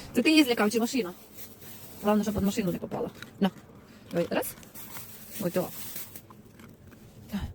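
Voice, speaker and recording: Her voice is medium-pitched and a little mellow as she feeds stray dogs at a dump by the road and talks to them in sing-song baby talk. It's a casual vlog recorded outdoors, with traffic, passing cars and animal noises all around.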